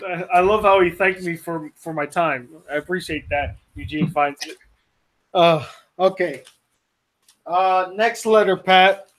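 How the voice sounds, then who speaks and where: A young man hosting a casual live-stream chat, animated and ranting, with quick asides. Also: sits high. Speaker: host.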